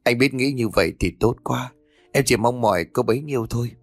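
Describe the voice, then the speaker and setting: A man voicing a gentle mother, tender and soft, near his own voice. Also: mid-range voice, a little fast, no echo, soft background music, close to an everyday voice. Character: gentle mother back from death.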